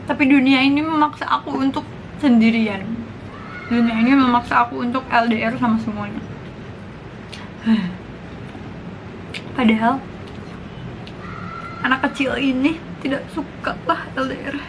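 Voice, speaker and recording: High-voiced young woman chatting, mouth full. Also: steady tone, normal speed, long pauses. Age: 20s. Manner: talks while eating, mouth sometimes full; chatty, informal, slang and English interjections. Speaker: vlogger. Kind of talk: casual mukbang chat to viewers. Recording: clear background noise.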